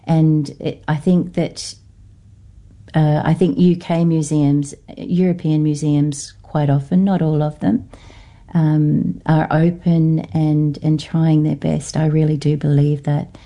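In a radio interview, a female academic from Norfolk Island considers her words carefully, with frequent pauses and fillers and an Australian-influenced accent. She sounds low-pitched and mellow, with little movement in pitch.

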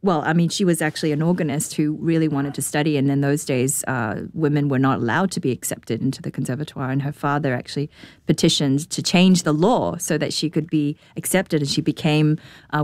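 New Zealand woman, low voice, dry close sound, reflective, rhetorical questions. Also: fairly even intonation, a little fast, darkish tone, no echo. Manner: thoughtful, asks herself rhetorical questions. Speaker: conductor. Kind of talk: radio interview.

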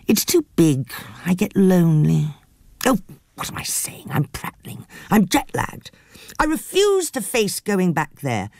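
A dramatic, gossipy woman who feels sorry for herself, her voice climbing high and dropping low in wide, showy swings, as a woman narrator puts her on. The recording is close and dry. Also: big pitch swings, measured pace, creaky, a little mellow, no echo, heavily acted. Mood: rueful gossip. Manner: gossipy, self-pitying, theatrical. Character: flamboyant, rueful woman fleeing her own house. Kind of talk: audiobook character voice.

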